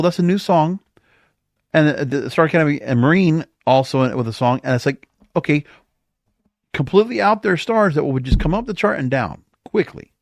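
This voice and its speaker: A male podcast host gives solo commentary in a higher-pitched, very animated voice. He's emphatic and conversational, recorded dry with no echo.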